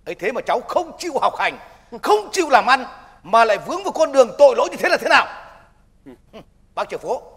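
An actor playing a loud, quarrelsome elderly army veteran. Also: male voice, very high-pitched, big pitch swings, husky, long reverb tail, full character voice. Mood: scolding. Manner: blustering, quick to argue.

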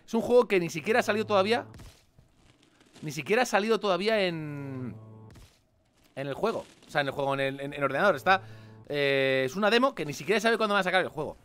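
A man with a Spain Spanish accent commenting on a game he plays, animated and swearing, with mock-dramatic outbursts. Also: fairly high pitch, fast talker, clean tone, soft background music. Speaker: gaming video host. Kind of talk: casual gameplay commentary.

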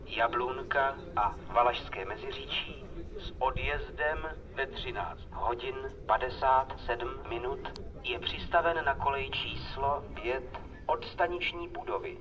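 A man's voice: medium pitch, distant mic, dull audio. A man making scripted railway station announcements in a formal, segmented delivery over an outdoor public address system. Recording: outdoor station loudspeaker, loud ambient noise. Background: loud railway station ambience.

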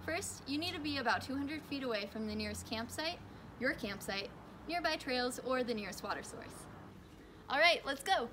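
A young woman in her twenties giving a scripted outdoor skills lesson in a backyard, upbeat and playfully deadpan, recorded on a camera mic. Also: sits high, noisy background. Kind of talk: scripted instructional video.

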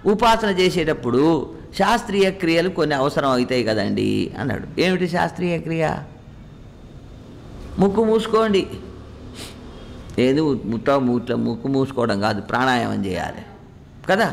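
A man giving an animated religious discourse as a teacher, asking rhetorical questions and reciting Sanskrit lines. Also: mid-range voice, fast talker, creaky, slight background noise. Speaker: Vedanta teacher. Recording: echoey room with faint ambience.

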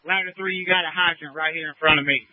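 A man with a slightly high voice gives terse radio updates as a firefighter. The two-way radio is tinny, with clear noise throughout. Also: fairly even intonation, fast. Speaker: firefighter on engine crew. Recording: noisy tinny fire radio.

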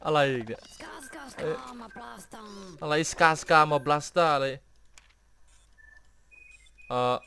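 A man's voice: fairly high pitch, takes it slowly, long pauses, fairly bright tone. A man giving casual commentary while playing a puzzle game, often puzzled and exclaiming at what happens on screen. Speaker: gameplay streamer.

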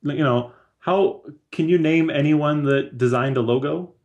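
On a video call from a small room at home or in an office, a comics artist in his thirties chats casually as a guest wearing headphones. His voice is on the high side with a darkish tone, he takes his time, and the high frequencies are cut off.

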